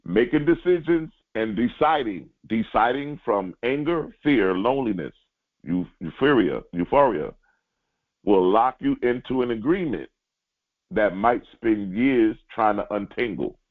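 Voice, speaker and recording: A man giving a spiritual teaching, speaking directly to his listeners and repeating key lines slowly for emphasis. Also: on the low side, animated. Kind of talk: sermon-like teaching. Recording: tinny phone-like line.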